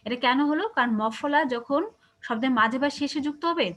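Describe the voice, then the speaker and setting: A woman teacher with a Bangladeshi Bengali accent leads an online class. Her voice sits high and she talks quickly. She explains step by step and keeps asking her students if they understand. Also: fairly bright tone. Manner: explains patiently, asks checking questions.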